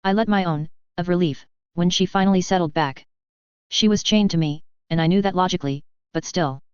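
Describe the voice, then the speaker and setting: A woman narrating a fan-fiction story in first person, with a steady, smooth reading. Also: lowish voice, a little fast, no echo. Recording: dull lo-fi recording.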